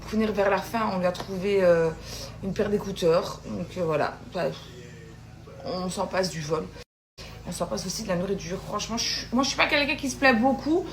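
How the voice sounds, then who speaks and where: A woman's voice: mid-range voice, normal speed, rough recording. Chatty woman vlogger with a slight lisp. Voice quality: slight lisp, slushy s sounds from a sore tongue. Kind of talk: casual chat to followers.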